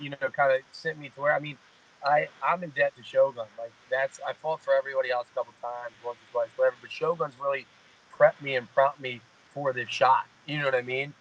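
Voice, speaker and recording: A fighter in his mid-thirties, appearing as a guest in a casual interview, speaks at medium pitch with the highs cut off. He rambles and keeps repeating "you know what I mean."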